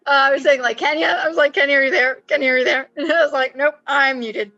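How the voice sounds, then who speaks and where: Bright-voiced woman coaching on a video call. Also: sits high, quick pace, no room sound, highs cut off, soft background music. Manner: animated and chatty, with frequent fillers. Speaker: acting coach hosting a video-call meet and greet. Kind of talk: casual advice chat. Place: home, with construction noise outside.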